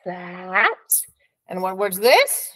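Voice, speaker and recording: Slow, encouraging preschool teacher woman. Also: lowish voice, very animated, bright, forceful tone. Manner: slow, encouraging, sounds out letters. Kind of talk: children's phonics lesson.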